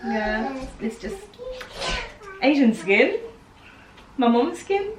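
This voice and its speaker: A woman's voice: fairly high pitch, sing-song, extremely slow. A middle-aged woman chatting casually as a guest, conversational and hesitant, often chuckling. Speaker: guest, host's mother. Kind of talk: casual chat. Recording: echoey room with clear background noise.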